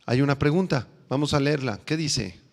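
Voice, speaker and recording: A Mexican pastor giving an animated sermon in a church, swinging from loud questions to hushed tones, with reverb from the hall. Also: male voice, medium pitch, normal speed, gravelly. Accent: Mexican Spanish. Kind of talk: evangelical sermon.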